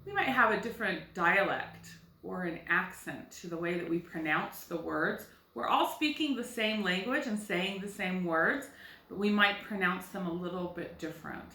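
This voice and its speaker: An American first-grade teacher records a phonics lesson for young children, using a clear, bright voice that sits on the low side at a moderate pace. She explains patiently and asks questions she answers herself, sounding a bit far from the mic in an echoey room.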